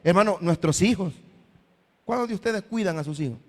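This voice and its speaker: A man's voice: high voice, lively intonation, a little fast. A man preaching a sermon as pastor, often calling his listeners brother and voicing their imagined questions. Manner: voices imagined questions from the congregation. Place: church hall. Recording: long hall reverb.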